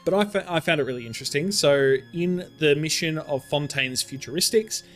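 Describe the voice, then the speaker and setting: A man co-hosting a casual gaming chat, excitable and rambling, laughing often. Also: on the high side, brisk, faint music behind. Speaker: co-host.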